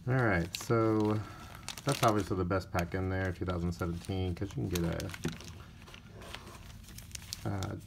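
Low-pitched with vocal fry, a slightly tired man goes through card packs on camera at an easy pace, commenting casually and listing player names flatly. Crinkling wrappers and clicking cards sit under his voice, along with background noise.

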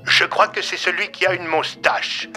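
Un homme jouant un vieux mage inquiet à la voix claire. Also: male voice, high voice, steady tone, moderate pace, pushed and bright, faint music behind, pitched above the performer's own voice. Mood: fretful. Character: old man mage, fussy, slow-witted.

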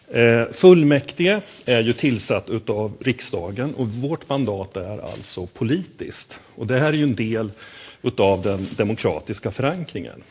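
A man, vice chair of a board, explaining a process at a press conference in a halting way with frequent filler sounds and throat clearing. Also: mid-range voice, a little mellow.

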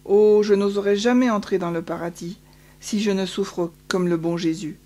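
Une femme qui prête sa voix à une jeune bergère solitaire et pieuse, au ton plaintif et sincère. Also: female voice, medium pitch, steady tone, normal speed, warm tone, natural voice. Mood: plaintive. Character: lonely tearful young shepherd girl, pious and longing.

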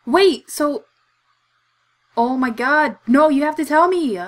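Speaking slowly in a high voice, a young woman plays a game and narrates it let's-play style. She sounds giggly and bemused, firing questions into her desk mic.

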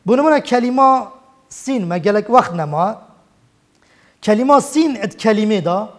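A man's voice: sits high, animated. Man with a Kurdish accent teaching. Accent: Kurdish (Badini). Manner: repeats Arabic word forms slowly and emphatically. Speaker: Quran teacher. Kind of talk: religious language lesson.

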